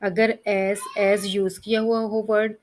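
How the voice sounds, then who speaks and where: A woman with a mid-range, slightly mellow voice takes it slowly and keeps her delivery flat. She is teaching English grammar in Hindi, walking through rules one step at a time, spelling letters aloud and reading off lists of word forms.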